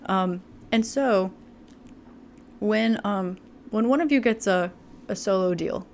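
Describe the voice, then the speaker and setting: A woman talks straight to her viewers through a casual tarot reading. She is chatty and loose, with plenty of fillers, and she keeps laughing between thoughts. Her voice sits at a mid pitch. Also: takes it slowly, a little mellow, slight background noise. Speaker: tarot reader.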